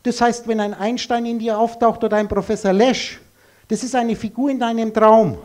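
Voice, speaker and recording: A man's voice: very high-pitched, fairly even intonation, moderate pace, darkish tone. A man giving a live lecture to an audience in a blunt, emphatic way, full of rhetorical questions.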